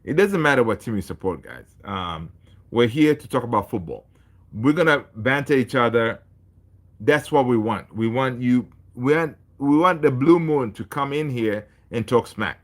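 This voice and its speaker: Chill guy from tanzania hosting a footy livestream, calls everyone homie, mid pitch. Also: expressive, normal speed. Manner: laid-back, chummy, addresses viewers as homie and man. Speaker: football channel host. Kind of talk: casual livestream chat reading comments.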